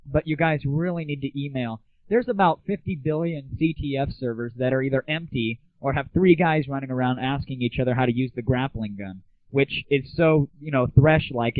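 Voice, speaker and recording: Over tinny, roomless, phone-like audio reminiscent of 1990s internet radio, a young male host in a mid-range voice riffs on gaming. He's casual, sarcastic and slangy, with no echo on the recording.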